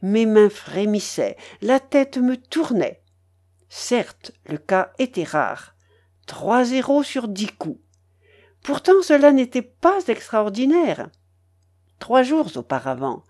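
A woman narrating an audiobook in a slow, expressive storytelling manner. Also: on the high side.

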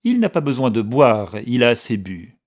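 A man's voice: sing-song, moderate pace. A man voicing a stubborn young woman who insists sharply and refuses to give in. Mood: defiant. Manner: shrill, insistent.

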